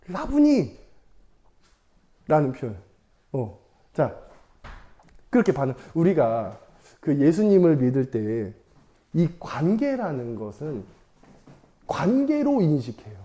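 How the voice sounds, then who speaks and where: Preaching to kids, this young male evangelist tells stories in a relaxed sermon, speaking at a normal pace with frequent pauses and a lively pitch. He keeps things chatty and playful, laughing a lot and questioning his audience.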